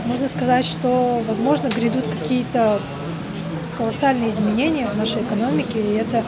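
A woman's voice: a little high, steady tone, a little fast, over a noisy crowd. A young woman answering a street interview thoughtfully on a rainy city street into a handheld mic. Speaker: passer-by. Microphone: handheld mic held by interviewer.

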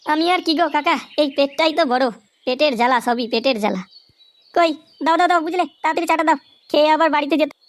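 A woman's voice: sits high, quick pace, lightly acted. A woman voicing a downcast, joking poor male hawker in a cartoon, speaking wearily. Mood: weary. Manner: weary, sighing, repeats 'বুঝলে'. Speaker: cartoon voice actor.

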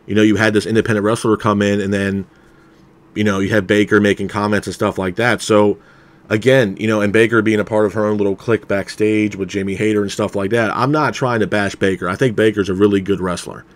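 A man with a fairly low voice talks through a wrestling show review in a loose, casual way. He is candid and opinionated, and keeps dropping "you know" and "man" between his points. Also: fairly even intonation, fast. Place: unseen, voice over a title card.

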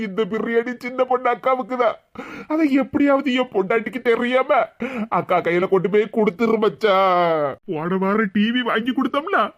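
Cartoon: comic village brothers-in-law, very high, melodramatic banter, Tirunelveli Tamil, lo-fi audio. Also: male voice. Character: two bantering young village men, brothers-in-law and friends. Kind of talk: cartoon voice acting. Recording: dull lo-fi sound.

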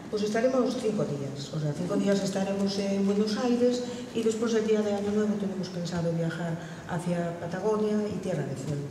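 A woman's voice: medium pitch, a little fast, hardly any pauses, natural voice. A woman playing a chatty, sympathetic older holidaymaker in naturalistic film dialogue. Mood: friendly. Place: large, bare indoor waiting lounge. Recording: very echoey, distant, noisy hall.

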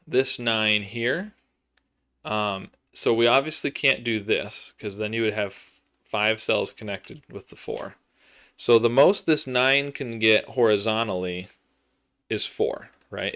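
A man's voice: on the low side, a bit bright. A man in his thirties hosting a puzzle tutorial, reasoning aloud step by step and counting cells, with frequent ums, recorded by a webcam at his desk in a small home room. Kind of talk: think-aloud puzzle walkthrough.

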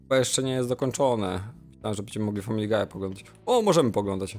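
A young man giving playful, excitable commentary while playing a game. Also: fairly low pitch, quick pace, soft background music. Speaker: gamer. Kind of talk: Roblox let's play commentary.

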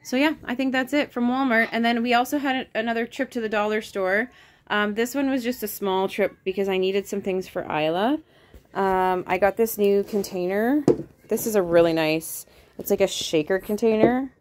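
A woman's voice: mid-range voice, moderate pace. A woman in her thirties from Canada, chatting casually through a home grocery haul video and rambling with lots of ums. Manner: chatty, rambling with many ums, asides to kids. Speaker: vlogger. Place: home kitchen indoors. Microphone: phone camera held close.

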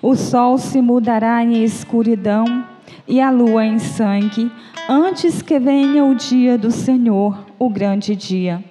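A young woman with a Northeastern Brazilian accent, preaching at a small church's prayer group and reading scripture in a slow, gentle, inviting way. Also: a little high, soft background music. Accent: Brazilian Portuguese, Northeastern. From Bahia, Brazil. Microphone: mic on a stand at the lectern. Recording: reverberant church hall.

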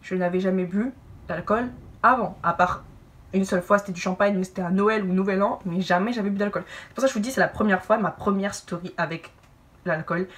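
Young woman vlogger, rapid animated storytime, mic a little off. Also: medium pitch, far from the mic. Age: young adult. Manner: animated, lively asides and acted-out quotes. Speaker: YouTuber telling a personal story. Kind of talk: casual storytime to camera. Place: indoor room, brick wall behind.

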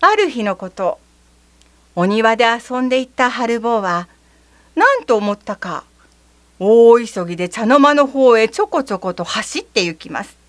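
Slow, lively-voiced woman reading a children's story. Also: on the high side, no room sound. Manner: gentle, expressive, slightly theatrical. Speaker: reader. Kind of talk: storybook narration.

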